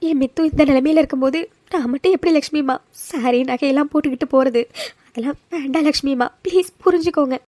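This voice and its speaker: A woman voicing a gentle, devoted young friend. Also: high-pitched, fast talker, dry recording, lightly acted. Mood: soothing. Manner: soothing, insistent. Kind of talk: cartoon voice acting.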